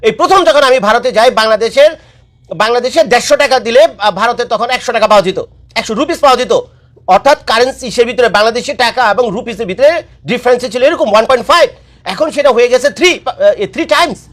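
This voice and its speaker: Male commentator, high voice, rapid-fire scolding monologue, repeats his warnings. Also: fairly bright tone. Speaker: political commentator. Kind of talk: impassioned political monologue. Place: living abroad.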